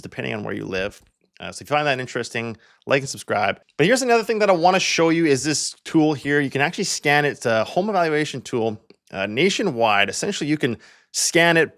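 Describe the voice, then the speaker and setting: Medium in pitch and fairly bright in tone, the voice belongs to a young Canadian man acting as real estate agent and video host. His casual walkthrough is chatty and thick with fillers, "like" most of all.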